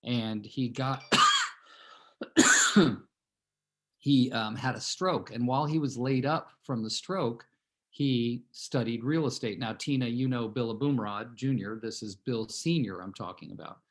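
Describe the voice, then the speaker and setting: Speaking a little slowly in a medium-pitched voice, a real estate team leader in his sixties from California wanders through a personal story on a video call with his team. He frequently addresses his listeners directly.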